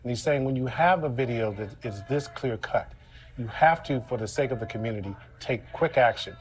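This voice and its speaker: A male American correspondent with an average-pitched voice gives live news analysis. His delivery is grave and deliberate, leaning on key words for emphasis.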